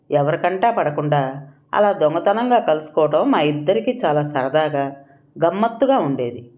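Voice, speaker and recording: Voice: mid-range voice, a little mellow, natural voice. A narrator voicing a tearful, anxious young bride who pleads and confesses, in a storybook reading.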